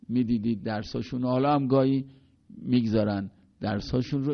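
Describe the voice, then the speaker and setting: Older man, poetry lecture, slow loud verse recitation, plain explanations, muffled lo-fi recording. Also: mid-range voice. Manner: recites verses slowly and more loudly, then explains in easy talk. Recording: dull lo-fi recording.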